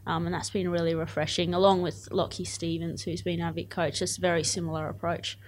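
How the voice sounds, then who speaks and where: Her fairly low voice runs flat and fairly quick over slight background noise. She's an Australian-accented cricketer in her twenties who was born in Zimbabwe and moved to Australia aged eight. Being interviewed, she talks in a casual, enthusiastic way.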